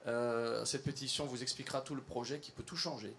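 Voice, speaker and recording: A man speaking at a public event, earnest in tone and pausing often with fillers and restarts. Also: medium pitch, steady tone, a bit bright, a little hiss or hum. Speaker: environmental campaigner addressing company staff. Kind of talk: public talk to an audience.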